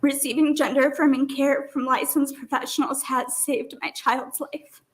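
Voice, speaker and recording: A woman's voice: high-pitched, little pitch movement, normal speed. A middle-aged mother giving emotional testimony at a hearing, her voice breaking as she struggles through tears. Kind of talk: public testimony.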